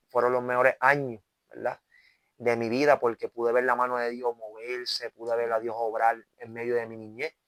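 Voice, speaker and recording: A Puerto Rican evangelist in his twenties, speaking Puerto Rican-accented Spanish, shares his testimony earnestly as an interview guest. His voice is medium-pitched and a bit bright with no echo, and he keeps restarting and tagging his sentences with "¿verdad?".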